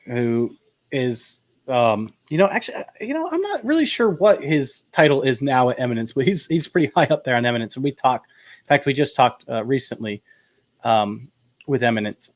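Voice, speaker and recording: A man hosting a casual chat, talking in a relaxed, rambling way with many fillers and restarts. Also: medium pitch, a little fast, dry recording. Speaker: host. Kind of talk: casual chat about audio gear.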